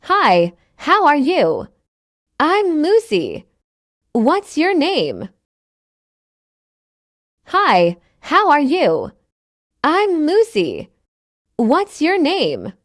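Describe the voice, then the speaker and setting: Voicing a friendly woman learner in a scripted practice dialogue, a woman gives a full character performance with a high, lilting voice whose pitch swoops wildly. She shapes every word with care at a very slow pace, repeating each line twice, in clean studio audio free of room sound.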